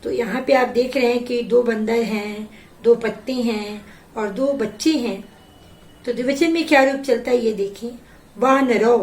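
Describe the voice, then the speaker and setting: A woman teaching a Sanskrit lesson, slowly reading each word and then giving its meaning. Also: on the high side, darkish tone, reverberant. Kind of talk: slow classroom explanation.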